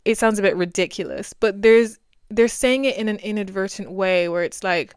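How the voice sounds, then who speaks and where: A woman's voice: medium pitch, normal speed, clear, resonant tone, no room sound, clean studio sound. A woman in her twenties hosting a solo podcast, talking in a chatty, rambling, self-deprecating way. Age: 20s. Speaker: podcast host.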